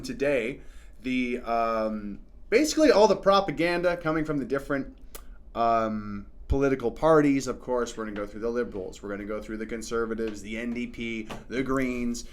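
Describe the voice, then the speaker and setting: A man's voice: mid-range voice, moderate pace. A man hosts a casual talk about politics, speaking in a mid-range voice. His delivery is loose and rambling, full of ums and restarts. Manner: loose, rambling, many fillers. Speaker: podcast host.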